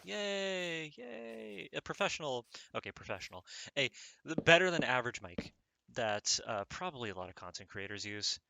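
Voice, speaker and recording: A man talks his way through a let's-play in an earnest, wandering fashion, often restarting his sentences. His voice is bright and forward and his pitch swings widely. He is recorded on a cheap microphone. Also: lively intonation, brisk, no echo, rough recording. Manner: earnest, meandering musing with many restarts. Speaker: gaming channel host. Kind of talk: casual let's-play commentary.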